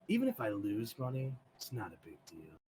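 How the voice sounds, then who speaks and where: A man's voice: fairly low pitch, huge pitch swings, fairly quick, noisy background, pitched below the performer's own voice. A man voicing a laid-back male casino music guy who talks in easygoing slang. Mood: mellow.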